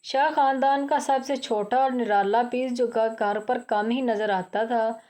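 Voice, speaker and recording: Female narrator with an Urdu-inflected accent, fairly high but mellow, steady novel-reading delivery. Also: a little slow. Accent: Urdu-inflected Hindustani.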